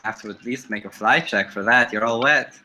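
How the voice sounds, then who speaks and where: A player at a tabletop game, joking and teasing in quick asides. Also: mid-range voice, sharp tone.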